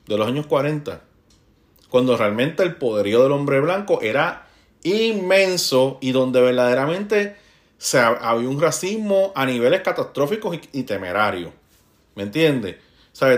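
A Puerto Rican man who teaches Spanish, talking casually and often checking in with tag questions between halting restarts. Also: on the high side. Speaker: high school Spanish teacher. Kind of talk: casual conversational monologue.

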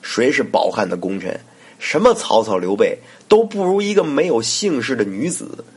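A man's voice: mid-range voice, very animated, normal speed, husky. A man, telling a historical story in a chatty, colloquial way as podcast host. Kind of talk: casual storytelling narration.

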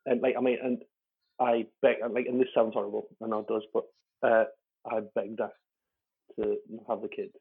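A man's voice: on the low side, flat delivery, normal speed, creaky, husky. A man, a comedian guest, telling a candid story in a rambling way, full of fillers and restarts, swearing and laughing as he talks. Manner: swears freely and laughs while talking. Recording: lo-fi phone-like audio.

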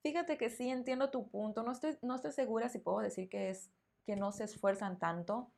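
On her podcast, a Mexican-accented Spanish teacher holds a conversational interview in a fairly high, gravelly, darkish voice, talking a little fast. She thinks through her explanations, echoing words as she looks for the next one.

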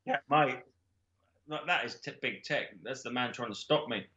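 A man's voice: medium pitch, normal speed, highs cut off. A man telling a made-up film plot in comic, rambling chat, acting out the characters. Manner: rambling, animated, breaks into laughter while acting out scenes. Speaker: podcast guest pitching made-up films. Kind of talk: comedic storytelling chat. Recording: roomy echo.

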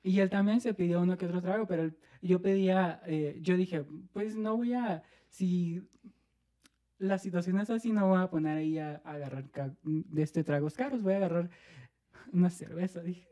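A man with a Mexican accent telling an animated story on a podcast, laughing and acting out what people said. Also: sits high, normal speed. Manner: animated, laughing, acts out quoted voices. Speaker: podcast co-host. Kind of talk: casual storytelling chat.

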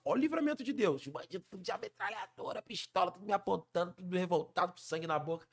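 Fast-talking Rio man telling a story. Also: high-pitched. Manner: animated, slangy, acts out the voices of the people in his story. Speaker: funk singer, podcast guest. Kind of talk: storytelling in a casual podcast chat.

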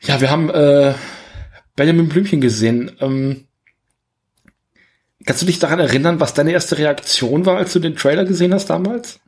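A podcast host with a fairly high voice chats casually about films at a moderate pace. His review talk is rambling, jokey, and self-correcting, with frequent pauses.

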